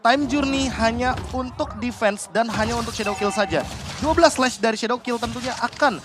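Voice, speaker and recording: A man's voice: very high-pitched, moderate pace, over music. A man with an Indonesian accent giving live analytical commentary on a video game match.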